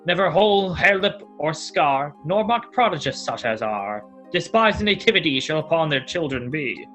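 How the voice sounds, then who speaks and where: Brief: a man plays a fairy king blessing a house, bright voice, light music. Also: on the high side, lively intonation, moderate pace. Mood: commanding. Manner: rhythmic incantatory verse. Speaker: student actor.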